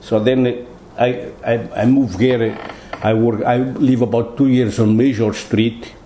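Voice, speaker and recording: Older Portuguese man, halting speech. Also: medium pitch, steady tone, dark tone, echoey room, a little hiss or hum, poor audio. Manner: halting, repeats words, broken English. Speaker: interviewee. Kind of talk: oral history interview.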